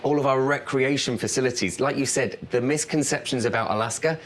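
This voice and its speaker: A man's voice: mid-range voice, fairly quick. A man working as a cruise director, speaking in an upbeat, effusive way in a conversational promotional interview. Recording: noisy with ambient background sound.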